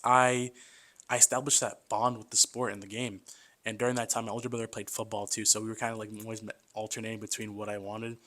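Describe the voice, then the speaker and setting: A man's voice: lowish voice, fast talker. Young man chatting as podcast guest. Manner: loose and chatty, often calls the host "man"; lively storyteller who acts out quoted voices. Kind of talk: casual conversation.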